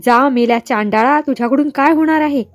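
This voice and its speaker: A woman's voice: high voice, fairly quick, no room sound, soft background music, natural voice. A woman voicing a furious young woman who sharply scolds the men in a story. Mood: angry. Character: furious young woman defending her honor.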